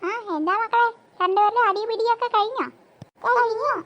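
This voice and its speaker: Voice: very high-pitched, fairly quick, highs cut off, slight background noise. A voice actor playing a strict, scolding cartoon mother of two girls. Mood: questioning. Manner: stern, nagging. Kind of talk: cartoon voice acting.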